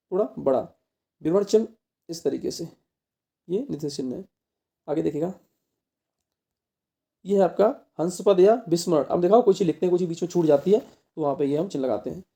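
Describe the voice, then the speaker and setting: A man from India leads an exam-prep Hindi grammar lesson in a gravelly, slightly raised voice. His tone is hard and sharp rather than mellow. He keeps quizzing his students and then supplies the answer himself. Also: on the high side. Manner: asks the class questions and answers them himself. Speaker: teacher.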